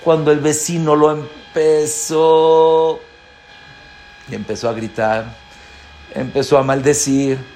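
Rabbi, animated class teacher, faint room noise behind. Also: male voice, fairly high pitch, takes it slowly, long pauses. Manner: lively, questions the audience. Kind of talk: animated religious lesson.

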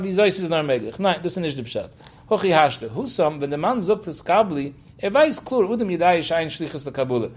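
A man with a fairly high voice leads a Talmud study lesson. He reasons his way through the passage, asking himself questions and answering them as he goes. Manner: reasons aloud with rhetorical questions. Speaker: Talmud teacher.

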